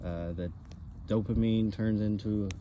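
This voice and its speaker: A man in a casual, halting conversational chat, speaking as a co-host. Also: on the low side, steady tone, muffled recording. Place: outdoors by a campfire. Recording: outdoor ambient background noise.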